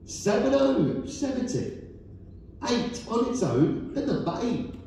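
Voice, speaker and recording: A man calls bingo in a high, swooping sing-song, repeating numbers in a set pattern. His delivery is measured and cheerful, heard from a distance across a very echoey, noisy hall. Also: big pitch swings, dark tone. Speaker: bingo caller. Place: bingo hall, over the caller's sound system, recorded from a player's table.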